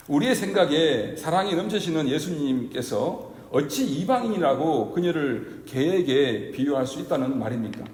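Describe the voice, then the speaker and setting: A man preaches a Sunday sermon in an easy, conversational way, often turning to his congregation with questions. His voice is fairly high for a man and swings widely up and down. The room around him is echoey, with a long reverb. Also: a little mellow. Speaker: pastor.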